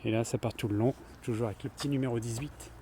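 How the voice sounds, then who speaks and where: A man's voice: medium pitch, steady tone, quick pace, dark tone, a little hiss or hum. Chatty man thinking aloud at work. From France. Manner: chatty, thinking aloud with fillers while working. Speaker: van builder. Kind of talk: casual DIY vlog narration. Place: outdoors beside a van.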